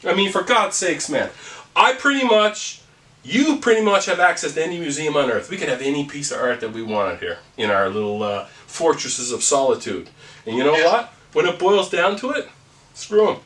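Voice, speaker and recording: A man's voice: on the high side, expressive, moderate pace, a bit bright. Jokey man in a roomy room. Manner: mock-pompous, jokey. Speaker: podcast co-host. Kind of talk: casual comedic chat. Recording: roomy sound, a bit far from mic, faint noise.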